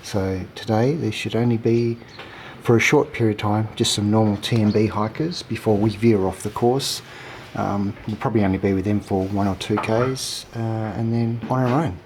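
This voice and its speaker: A man's voice: lowish voice, steady tone, moderate pace, darkish tone, slight background noise. A man, joking and asking questions while hiking outdoors, filmed on a handheld camera. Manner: joking, playful, interviewing his partner. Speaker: travel vlogger. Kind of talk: casual vlog chat. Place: outdoors on a mountain hiking trail. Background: background music.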